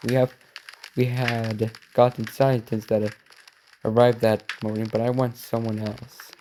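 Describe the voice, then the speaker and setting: A man reading a story aloud in a halting way, correcting himself and breaking off for quick reactions. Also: mid-range voice, little pitch movement, a little mellow, slight background noise. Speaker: reaction video host.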